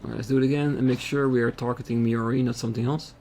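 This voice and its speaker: A man's voice: medium pitch, steady tone, very fast, dark tone, a little hiss or hum. A man hosting a let's play with casual, hesitant, rambling commentary as he plays. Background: game music.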